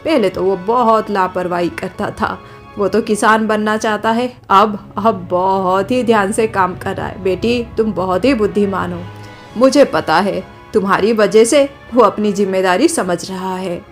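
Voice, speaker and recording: A woman voicing a kind, modest elderly mother-in-law in a cartoon story, talking softly. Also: medium pitch, unhurried, faint music behind, natural voice. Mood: warm praise.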